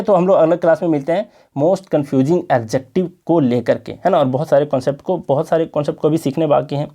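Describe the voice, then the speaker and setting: A man teaching an exam-prep English grammar lesson in Hindi, explaining slowly and checking in with his students. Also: fairly high pitch, warm tone.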